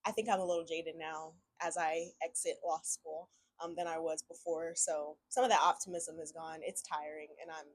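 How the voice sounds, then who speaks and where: A woman's voice: deep voice, fairly even intonation, normal speed, hardly any pauses. A young woman from Houston, a law student answering interview questions candidly, a little weary. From Houston, Texas. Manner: candid, a bit weary, laughing.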